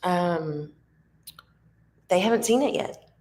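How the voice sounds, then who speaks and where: Woman, vlogger mom, low voice, unhurried, rambling and heartfelt, casual vacation vlog. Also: expressive, darkish tone. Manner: rambling, heartfelt, searching for words. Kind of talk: casual reflective vlog talk. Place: at a resort on vacation.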